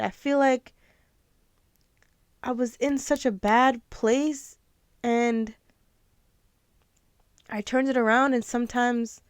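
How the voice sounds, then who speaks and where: A young woman hosts her own podcast, giving a casual motivational talk that is earnest and emotional, at moments close to tears. Her voice sits a little high with a clean tone, and the recording is dry.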